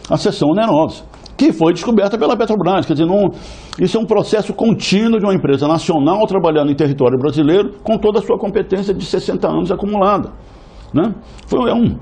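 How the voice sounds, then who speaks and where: A man answers an interviewer at length, often restarting phrases and tagging them with little questions. His voice is husky and dark, with a gravelly edge and a wide, lively pitch range. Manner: hesitant, many restarts and tag questions. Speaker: interviewee, oil company insider.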